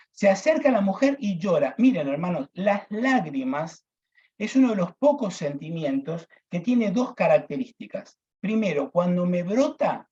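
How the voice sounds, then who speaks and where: A deacon teaching a Bible class, emphatic, repeating key phrases and addressing listeners as brothers. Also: male voice, sits high, warm tone, dull audio.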